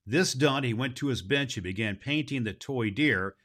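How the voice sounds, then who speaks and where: A man playing a jolly, grandfatherly old Santa Claus, hosting and telling stories to children with hearty, drawn-out emphasis. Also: mid-range voice, a bit bright, close to an everyday voice. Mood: storytelling. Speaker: host of a children's Christmas story show. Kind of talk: hearty in-character greeting and storytelling for children.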